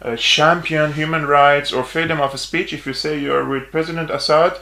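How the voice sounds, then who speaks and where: A man from Syria, a political journalist, giving measured explanatory interview answers with frequent hesitations. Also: a little high, steady tone, gravelly, bright, forceful tone. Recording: roomy echo.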